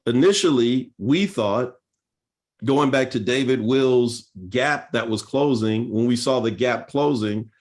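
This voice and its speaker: A man's voice: mid-range voice, slow. A male pastor speaking at a seminar, telling church history in an earnest, storytelling way with frequent fillers and restarts.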